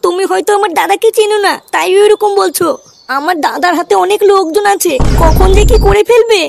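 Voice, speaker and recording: A woman's voice: extremely high pitch, fairly quick, gravelly, over music. Woman voicing a fretful cartoon girlfriend. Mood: worried. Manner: anxious, fretful. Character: worried young woman, timid girlfriend. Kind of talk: comedy cartoon voice acting.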